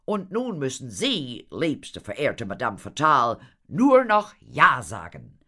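A woman's voice: rumbling low, wildly swooping pitch, slow, bright, forceful tone, voice pushed up, full character voice. Woman reading as a pompous theatre boss guy, gushy and showy, storybook voice. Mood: gushing. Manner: grand, gushing, theatrical. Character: pompous excitable male theatre impresario.

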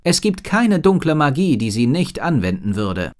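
A man's voice: fairly high pitch, sing-song, normal speed, pitched above the performer's own voice. A man voicing a grave, worried sorceress. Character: worried wise female head sorceress.

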